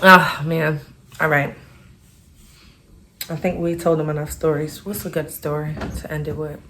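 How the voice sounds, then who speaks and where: A woman's voice: low-pitched, unhurried. A young woman casually telling college stories, often laughing as she talks. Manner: laughs through her stories, animated. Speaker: host. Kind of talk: casual storytelling chat.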